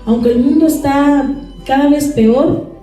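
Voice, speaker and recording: A woman's voice: sits high, unhurried, dark tone. A woman preaching a sermon who keeps asking the congregation rhetorical questions for their assent. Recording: echoey church hall, mic far off, faint music.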